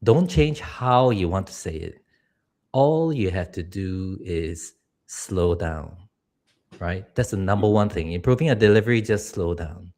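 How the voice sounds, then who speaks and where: On a live stream, a middle-aged Singaporean man who coaches public speaking offers sincere advice, occasionally laughing. He speaks low and darkish at a measured pace.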